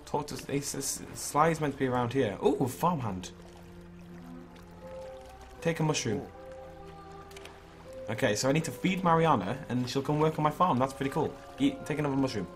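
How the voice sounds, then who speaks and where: A young man, hungover with a slightly hoarse voice, chatting in an informal, rambling, self-critical way as he vlogs over a video game. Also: mid-range voice, lively intonation, normal speed, pauses often, over music. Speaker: gaming video creator. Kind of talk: casual vlog chat over gameplay. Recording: clearly noisy background ambience.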